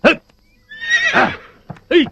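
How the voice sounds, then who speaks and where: An actor playing a fierce bandit chief who gives orders and grieves loudly for his brother. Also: drawn-out words, noisy background. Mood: commanding. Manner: commanding, bursts into loud grief. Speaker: forest bandit leader. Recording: film soundtrack with music.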